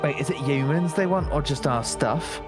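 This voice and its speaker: A man's voice: fairly high pitch, moderate pace. A man improvising in-character lines as a player in a tabletop role-playing game. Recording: clear music under the voice.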